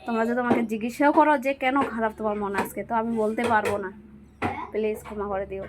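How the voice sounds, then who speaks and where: In her small home kitchen, a cooking vlogger with a slightly high, fast voice, a little thick today, chats on and on as she cooks. She repeats herself and keeps pleading with viewers to keep watching. The camera is propped to one side and the audio is very noisy.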